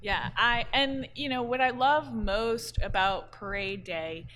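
Excited New woman. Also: fairly high pitch, slow pace. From New Orleans. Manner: enthusiastic, bursts into excited exclamations. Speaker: parade krewe member. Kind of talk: casual panel chat.

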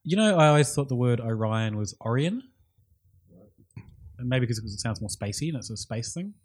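A man's voice: medium pitch, lively intonation, fast, darkish tone, breathy edge. A man co-hosting a podcast, chatting casually with matey, jokey lad banter. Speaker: podcast co-host. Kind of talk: casual chat.

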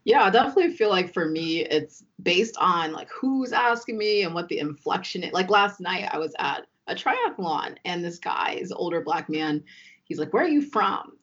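Husky, lower-voiced woman guest from Maryland; easy, rambling chat on muffled audio. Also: expressive, moderate pace, a bit bright. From Maryland, USA. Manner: chatty, thinks aloud with many fillers. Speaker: podcast guest. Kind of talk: casual chat.

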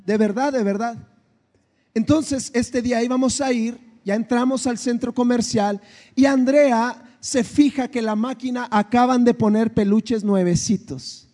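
A male pastor with a Mexican accent telling a folksy story in his sermon, lively and animated. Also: very high voice, measured pace. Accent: Mexican Spanish. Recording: echoey hall reverb.

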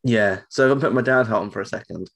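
A man's voice: on the low side, fast talker, vocal fry. British man, ropey voice with swollen tonsils. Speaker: podcast co-host. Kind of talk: casual chat.

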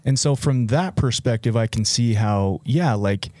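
A man's voice: mid-range voice, unhurried, warm tone, no room sound, clean studio sound. A man co-hosting a counseling podcast, thinking aloud and restating ideas with lots of fillers. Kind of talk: conversational podcast interview.

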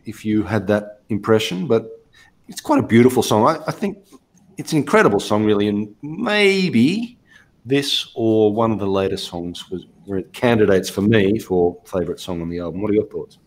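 Low-voiced man reviewing an album. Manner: measured, explanatory, steers the discussion. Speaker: podcast host reviewing an album. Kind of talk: casual music review chat.

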